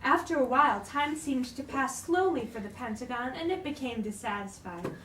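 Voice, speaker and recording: A woman reading a storybook aloud in an expressive, theatrical way. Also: high voice, normal speed. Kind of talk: dramatic storybook read-aloud. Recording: roomy, distant microphone with clear noise.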